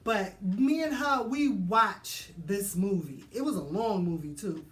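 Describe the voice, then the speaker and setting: Animated woman telling a story. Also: medium pitch, unhurried. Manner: animated, laughing, acts out voices. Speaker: mother telling her birth story. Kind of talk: casual storytelling.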